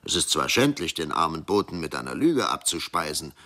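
A man's voice: a bass voice, big pitch swings, a little fast, bright, forceful tone, heavily acted. A man voicing a pious young wife who coaxes and presses her husband for answers. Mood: pleading. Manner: pleading, coaxing.

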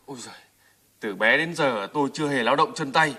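Brief: a groaning, pampered student, fast, raspy and bright. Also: male voice, medium pitch. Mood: complaining. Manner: groaning, self-pitying. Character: young male student from a well-off family, complaining. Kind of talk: radio drama acting.

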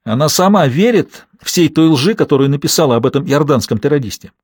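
Fields: man voicing a furious betrayed husband, shouting. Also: fairly high pitch, animated, brisk, slightly rough, no echo, voice pushed up. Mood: contemptuous. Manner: shouting, accusing, bitter.

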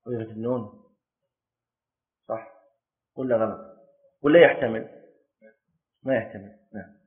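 A man's voice: lowish voice, a little slow. A man teaching a classroom lesson, explaining step by step, quizzing his students and repeating key words for emphasis. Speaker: teacher of Islamic jurisprudence. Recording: tinny lo-fi lesson recording.

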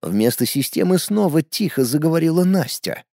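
A man reads a first-person adventure audiobook in a lively, animated way, his pitch moving a lot. His tone is dark and mellow, somewhat higher than most men's. The close recording is dry, with no room sound. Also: normal speed, vocal fry, no room sound. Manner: lively storytelling with shouted character lines. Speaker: audiobook narrator.

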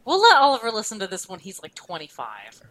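A woman's voice: mid-range voice, wildly swooping pitch, fast, fairly bright tone, slight background noise, low-quality recording. A woman co-hosting a podcast in casual chat, sarcastic and swearing freely. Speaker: podcast co-host.

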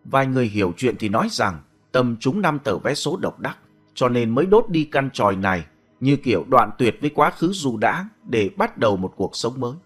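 A man narrating a horror story in a dramatic, expressive scripted reading. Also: mid-range voice, moderate pace, soft background music.

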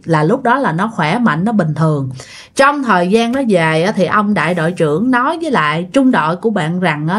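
A woman telling a ghost story casually, chatting directly to her listeners. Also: lowish voice.

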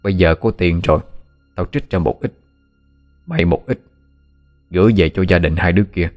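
A man doing Aphone, a low calm woodsman. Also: normal speed, faint music behind, lightly acted. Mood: kindly. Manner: steady, matter-of-fact, explaining. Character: seasoned man of the forest, calm and knowing.

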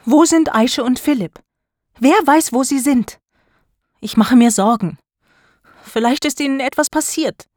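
A woman's voice: on the high side, expressive, normal speed, darkish tone, no echo, lightly acted. A woman voicing an adult female social worker who questions students insistently, in a dry storybook recording. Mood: worried.

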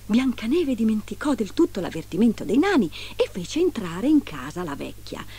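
A woman reading a fairy tale aloud in an expressive storytelling manner. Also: fairly high pitch, normal speed, husky.

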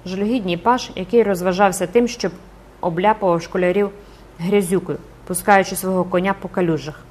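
A woman narrating a classic novel as an audiobook in a measured, expressive reading voice. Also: fairly low pitch, slight background noise.

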